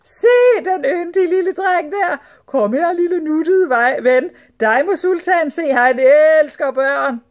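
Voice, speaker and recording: Cooing harem wives, voiced by a woman: squealing, very high storybook voices. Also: hardly any pauses, lightly acted. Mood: gushing. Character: gushing crowd of sultan's wives.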